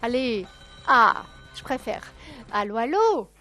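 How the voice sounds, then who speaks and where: High-voiced hoarse woman hosting a quiz. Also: sing-song, slow, bright, forceful tone, soft background music. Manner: chatty, coaxing viewers, counting down, correcting herself aloud. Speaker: game show host. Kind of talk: live call-in TV quiz hosting.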